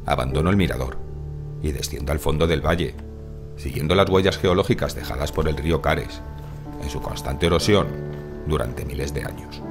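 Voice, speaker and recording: A man giving calm, measured, scripted narration of a mountain hike, as in a nature documentary. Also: extremely low pitch. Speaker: hiking vlogger narrating. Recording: voice-over with music behind.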